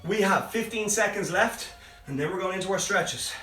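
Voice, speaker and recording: A man leading a live home workout as a fitness coach, giving brisk, encouraging cues and breathing prompts. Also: high-pitched, pushed and bright. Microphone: phone livestream from a distance. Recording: roomy, far from the mic, faint music.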